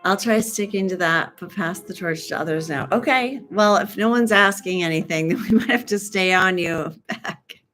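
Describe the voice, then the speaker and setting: A woman's voice: fairly low pitch, normal speed, few pauses, fairly bright tone, soft background music. A woman casually reading tarot cards for her livestream, chatty and rambling, trailing off mid-sentence and throwing in joking asides. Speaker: tarot reader and stream host.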